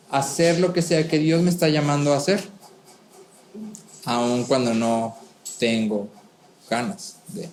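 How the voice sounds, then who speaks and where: A man's voice: medium pitch, a little mellow, echoey room, slight background noise. A man preaching a sermon, earnest, repeating key words for emphasis.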